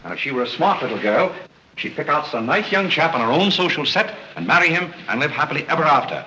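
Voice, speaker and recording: A man playing a courteous, patient butler with a formal, deadpan manner in a 1930s comedy film. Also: fairly high pitch, fast talker, a little hiss or hum. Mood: patient, firm. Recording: dull, muffled 1930s film soundtrack.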